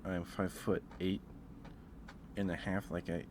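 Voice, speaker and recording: A man rambles casually through an ASMR livestream, musing hesitantly and repeating himself over clear background noise. His voice sits low with little pitch movement, and he keeps a measured pace.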